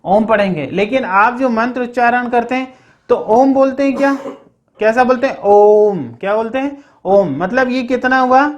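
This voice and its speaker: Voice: mid-range voice, moderate pace, highs cut off. A teacher explaining grammar in a recorded lesson, asking the class questions and answering them, with frequent check-ins to keep students following. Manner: repeats check-ins like "okay, remember this".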